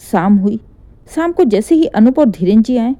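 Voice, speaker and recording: A woman's voice: a little high, moderate pace. Woman telling a dramatic family story. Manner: expressive, dramatic reading. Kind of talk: scripted story narration.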